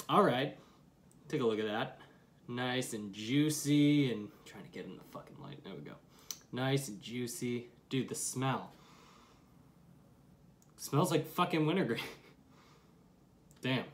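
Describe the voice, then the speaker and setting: A man's voice: mid-range voice, animated, slow, long pauses. Casual, sweary young man. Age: young adult. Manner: slangy, heavy casual swearing. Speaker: dip review vlogger. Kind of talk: casual product review to camera. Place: small room at home, curtain behind.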